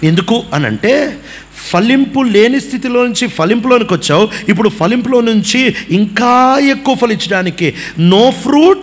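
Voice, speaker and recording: A man preaching a sermon, telling stories with sharp swings between loud and hushed delivery. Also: very high-pitched, expressive, moderate pace.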